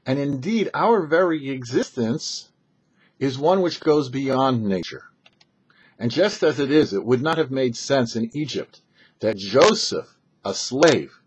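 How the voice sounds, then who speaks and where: A rabbi hosting a weekly Torah talk show gives a short religious commentary, telling and explaining scripture with emphatic, halting phrasing and pauses. His voice is mid-range and husky. The recording sounds dull and lo-fi.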